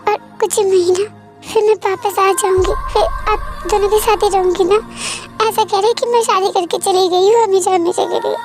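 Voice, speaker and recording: A woman reading as a devoted young daughter in a homemade audio drama, her voice pitched extremely high and gently reassuring. Soft music plays faintly underneath. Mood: pleading. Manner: soothing, pleading. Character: caring young adult daughter, dutiful and reassuring. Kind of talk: amateur fan audio drama.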